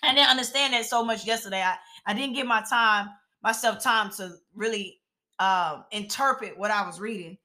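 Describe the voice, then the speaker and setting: A young adult woman hosting a casual devotional call, reading scripture aloud slowly and then explaining it in loose, slangy everyday talk. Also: medium pitch, bright, forceful tone. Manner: conversational and slangy, reads verses aloud slowly then riffs on them. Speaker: host leading a daily devotional call.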